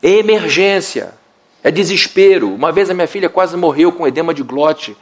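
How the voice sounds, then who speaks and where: A man's voice: on the high side, lively intonation, normal speed. A middle-aged Brazilian man preaching a sermon as pastor, telling the story dramatically and acting out the voices in it. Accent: Brazilian Portuguese. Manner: dramatic storytelling, acts out quotes.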